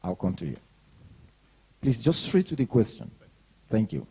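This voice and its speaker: A man chairing the question session of a public lecture, brisk and polite, with frequent short acknowledgements. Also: fairly low pitch, sing-song, warm tone, breathy edge, poor audio. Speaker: moderator.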